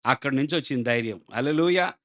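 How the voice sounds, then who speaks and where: A man's voice: medium pitch, fast, a bit bright. A male pastor preaching a sermon with a Telugu accent, asking the congregation questions and acting out the people in his story. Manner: dramatic, acts out quoted voices, asks the congregation questions.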